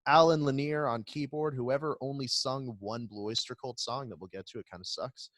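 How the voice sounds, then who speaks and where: A young man with a mid-pitched voice runs through a band's lineup and history in a relaxed, joking co-host chat. His voice sounds close and dry, with no room around it. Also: normal speed, dry recording. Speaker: podcast co-host. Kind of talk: casual music review chat.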